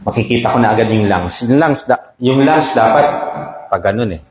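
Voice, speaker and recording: A man's voice: mid-range voice, expressive, moderate pace, a little hiss or hum. A man with a Filipino accent, a doctor giving a health talk and checking in with his listeners. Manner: explains with repeated "okay?" checks. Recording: echoey room.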